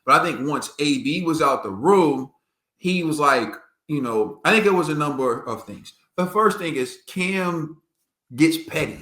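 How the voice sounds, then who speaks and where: Animated man in a roomy echo. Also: fairly high pitch, a little slow. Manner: emphatic, animated, laughs often. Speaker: podcast co-host. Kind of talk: casual boxing commentary.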